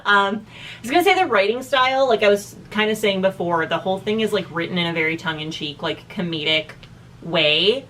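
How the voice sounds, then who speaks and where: A woman's voice: mid-range voice, lively intonation, fairly quick, fairly bright tone, far from the mic. A woman in her thirties chatting casually as co-host of a book review, in a rambling, giggly, slangy way. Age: 30s. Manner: rambling, giggly, slangy, loses train of thought. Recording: noticeable background noise.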